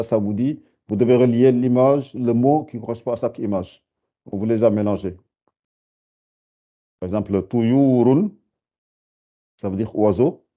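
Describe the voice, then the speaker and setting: A man teaching a beginners' lesson, patiently repeating words and sounding them out slowly. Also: medium pitch, mellow. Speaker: Arabic teacher. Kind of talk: slow spoken lesson. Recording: dull lo-fi sound.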